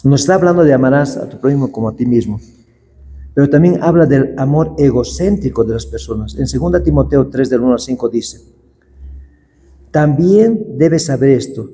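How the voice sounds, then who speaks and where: Warm-voiced pastor preaching. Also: male voice, medium pitch, slight background noise. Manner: slow, deliberate scripture reading. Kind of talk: sermon. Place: church hall. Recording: long hall reverb.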